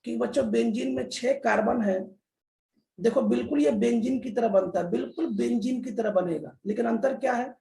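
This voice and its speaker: A man's voice: very high-pitched, moderate pace, gravelly, warm tone. A man teaching a chemistry lesson in a classroom style, repeating key terms and often addressing the children. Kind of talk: classroom lecture. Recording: echoey room.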